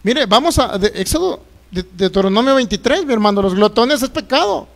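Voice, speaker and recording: A man's voice: very high-pitched, expressive, a little fast, gravelly. A middle-aged man with a Jalisco Mexican accent, preaching a sermon as pastor, jokey and folksy, firing rhetorical questions.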